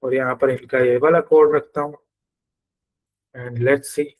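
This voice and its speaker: A man's voice: medium pitch, fairly even intonation, takes it slowly, narrow, tinny audio. A man with a Pakistani Urdu accent teaching a coding class, explaining each step and thinking aloud as he works through code on screen. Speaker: programming teacher.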